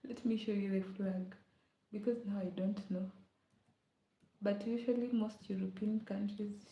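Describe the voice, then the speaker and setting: A young Kenyan woman talks casually on a live stream in a medium-pitched voice, frequently lowering it to a whisper and humming snatches of songs. The room is echoey and the high frequencies are cut off.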